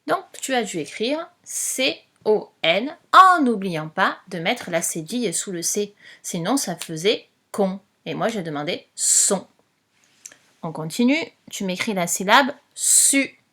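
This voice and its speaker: A woman teacher giving a slow spelling dictation, patiently spelling out letters one by one. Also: mid-range voice, big pitch swings, pushed and bright.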